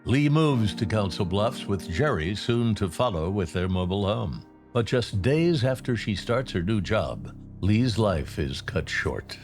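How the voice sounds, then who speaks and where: A man reading scripted true crime narration in a dramatic, measured storytelling delivery. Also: lowish voice, very animated. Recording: music playing behind the narration.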